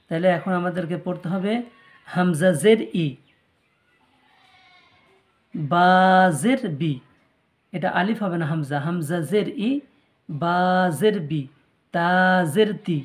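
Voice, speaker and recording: A man with a Bangladeshi Bengali accent, teaching a Quran reading lesson, patiently repeating each syllable and slowing down to drill letters. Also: high-pitched. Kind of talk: step-by-step recitation lesson.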